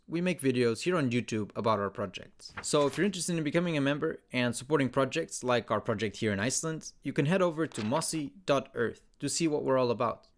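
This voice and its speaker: A man gives scripted documentary narration at a middle pitch. He explains steadily and clearly. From Portugal.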